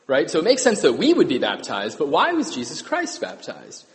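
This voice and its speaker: A man's voice: fairly high pitch, wildly swooping pitch, normal speed, vocal fry. A man serving as priest, reading the gospel and giving a homily in a casual, self-correcting way that keeps checking in with the congregation, heard with a cathedral echo. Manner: conversational, self-correcting, asks the congregation "right?". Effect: cathedral echo, long church reverb. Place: large church. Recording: long echoey church reverb.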